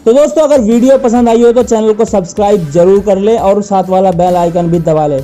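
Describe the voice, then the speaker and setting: A man's voice: high voice, fairly quick, warm tone, faint music behind. A man narrating a scripted mystery story for a video channel, speaking to listeners as friends in a suspenseful way.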